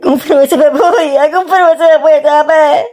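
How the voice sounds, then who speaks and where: Woman voicing a sobbing cartoon daughter, very high. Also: rapid-fire, darkish tone, close to an everyday voice. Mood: grieving. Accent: Egyptian. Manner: sobbing, pleading. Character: grief-stricken young daughter at her father's side.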